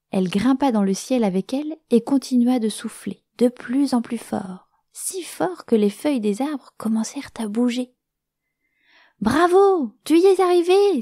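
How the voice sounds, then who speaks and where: Gentle woman storyteller, mellow voice. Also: fairly high pitch, vocal fry, no echo, studio quality. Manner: gentle, expressive, sometimes dropping to a whisper. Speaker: children's storyteller. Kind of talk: children's story narration.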